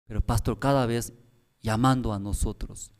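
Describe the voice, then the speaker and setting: A man preaching a sermon at a prayer service in halting, broken phrasing, repeating himself and pressing the congregation with rhetorical questions. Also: medium pitch, fairly even intonation, clean tone. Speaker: pastor.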